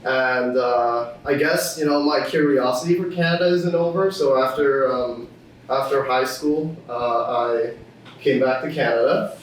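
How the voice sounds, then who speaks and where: This young Thai student is a guest on a podcast, speaking in a medium-pitched, somewhat slow voice. His casual interview chat is full of fillers and restarts, and he sounds distant from the mic in an echoey room.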